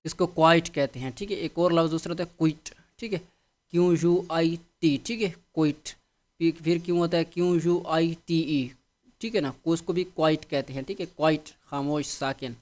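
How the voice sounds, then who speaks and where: A man's voice: on the high side, steady tone, darkish tone. A man teaching a vocabulary lesson, explaining patiently and checking in often with his students. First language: Urdu. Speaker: English teacher.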